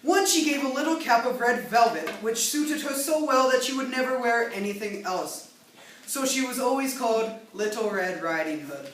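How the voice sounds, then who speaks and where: A woman narrating a fairy tale aloud in an expressive storytelling manner. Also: on the high side, moderate pace. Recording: echoey room, mic far off, faint hiss.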